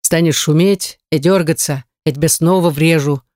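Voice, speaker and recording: A woman's voice: low voice, normal speed, a little mellow, dry recording, clean studio sound, close to an everyday voice. A woman voicing a cold, cruel male leader of captors who growls threats. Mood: threatening.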